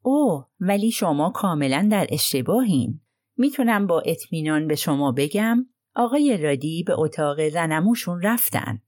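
A prim, self-righteous old housekeeper, as a woman reader puts her on airs her grievances in a low, dry voice. She sounds indignant and sure of her own virtue, an audiobook character heard close to the mic. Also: expressive, darkish tone, dry recording. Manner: indignant, aggrieved complaining.

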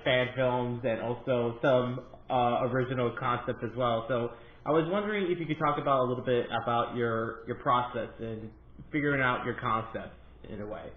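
A man hosting a podcast in casual, rambling chat with hesitant phrasing. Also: medium pitch. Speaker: podcast host. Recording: roomy, thin phone-like line.

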